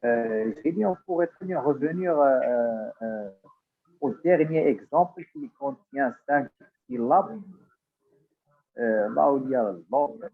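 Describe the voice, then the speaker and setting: A male student speaks up during an online class, stopping and restarting with "euh" as he works through his question. His mid-pitched voice arrives thin and phone-like over a Bluetooth link. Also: animated. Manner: hesitant, many pauses with "euh". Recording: tinny phone-like Bluetooth audio.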